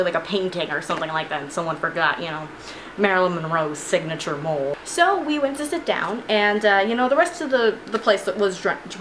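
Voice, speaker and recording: A young woman, a student, telling a casual storytime vlog in a chatty, animated way with frequent laughs, filmed at home on a camera in her room. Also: fairly low pitch. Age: young adult. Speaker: vlogger. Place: bedroom with shelves of figurines, indoors. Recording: noisy home recording.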